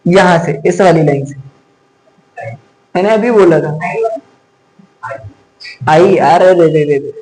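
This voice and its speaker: A man's voice: a little high, slow, pauses often, noisy background. A man teaching a physics class, chatty and teasing, scolding students to focus and mixing in English terms. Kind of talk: classroom lecture.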